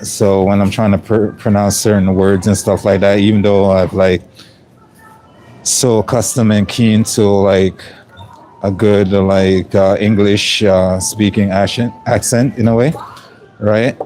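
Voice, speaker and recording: In a rough recording, a middle-aged Jamaican-born man cooks and chats on a livestream in a relaxed, meandering way full of ums. His accent is mostly Canadian with a slight Jamaican trace, and he speaks unhurriedly at a fairly low pitch.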